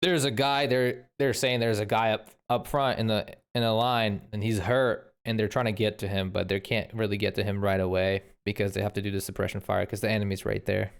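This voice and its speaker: Male reactor, lowish voice, loose rambling commentary. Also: level tone, a little fast, vocal fry, few pauses, smooth. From Ukraine. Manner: rambling, restarts often, thinks aloud. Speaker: reaction video host. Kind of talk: casual commentary.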